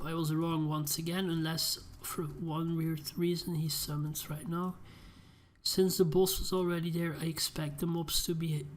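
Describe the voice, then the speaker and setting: A young man giving casual gameplay commentary, rambling into ranting asides. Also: fairly high pitch. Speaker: gaming channel host.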